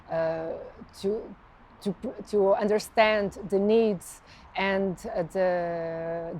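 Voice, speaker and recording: A woman's voice: mid-range voice, darkish tone, slight background noise. A Portuguese woman with a Portuguese accent answering interview questions in English, hesitant with many restarts and frequent laughs. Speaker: interview guest, communications professional.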